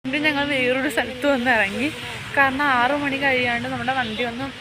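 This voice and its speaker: A woman's voice: high voice, steady tone, brisk. A woman chatting casually to camera as a travel vlogger, mixing English slang into her Malayalam. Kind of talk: casual vlog chat to camera. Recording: noisy outdoor vehicle and street ambience.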